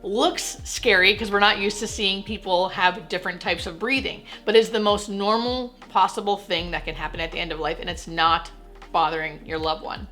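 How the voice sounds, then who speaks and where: Woman, bright clear-cut voice, medium pitch, hospice nurse explainer, plain-spoken and reassuring, faint music behind. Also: fairly even intonation, moderate pace. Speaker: hospice nurse and educational video host. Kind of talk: explanatory talk to camera.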